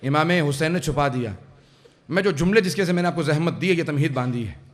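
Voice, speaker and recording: A man preaching a mourning sermon who tells the story to the gathering and builds into impassioned, tearful recitation. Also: a little high. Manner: addresses the audience directly. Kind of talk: Urdu majlis sermon. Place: religious centre hall.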